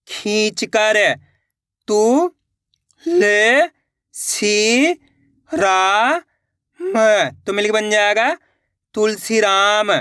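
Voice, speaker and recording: Male tutor, unhurried syllable-by-syllable drill, crisp voice, dry close sound. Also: high voice, sharp tone, no echo. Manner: spells words slowly syllable by syllable, then repeats; addresses viewers as friends, patient and encouraging. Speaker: Hindi reading teacher. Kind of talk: online reading lesson.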